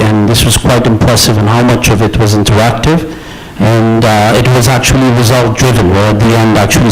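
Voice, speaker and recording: Speaking at a conference, this company executive keeps things informal and conversational, repeatedly asking the crowd "yeah?" or "okay?". He's a middle-aged man from Ethiopia who grew up in the US, with a medium-pitched voice on a rough recording.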